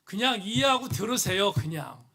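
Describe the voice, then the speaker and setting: Korean pastor guy w a high voice, preaching hard, phrases swell up loud then drop. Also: big pitch swings, moderate pace, creaky. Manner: earnest preaching with rising emphatic phrases. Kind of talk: sermon. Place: church.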